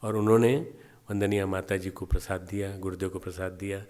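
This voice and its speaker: A man's voice: sits low, flat delivery, a little fast, a little mellow. A man giving a devotional meditation class as a spiritual teacher, telling stories and repeating phrases for emphasis.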